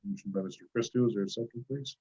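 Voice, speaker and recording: A man, the town supervisor, chairing a virtual board meeting. He is brisk with procedure and fills his explanations with ums and uhs. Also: mid-range voice, very animated, vocal fry, warm tone, husky, lo-fi sound. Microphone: video call.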